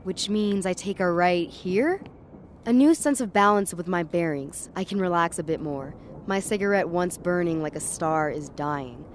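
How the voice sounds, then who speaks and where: A lightly acted, lowish female voice at a moderate pace tells, in the first person, of being an uneasy young woman who trips while walking home at night. This dramatic audio story carries a watchful, uneasy mood, and traffic and street ambience come through clearly behind her.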